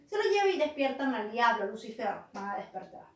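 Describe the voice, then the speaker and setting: A woman teacher, retelling a tale in a lively way, often ending with a tag question. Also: on the high side, a little fast, distant mic. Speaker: literature teacher. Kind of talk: retelling a story in a lesson. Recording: roomy, from off the mic.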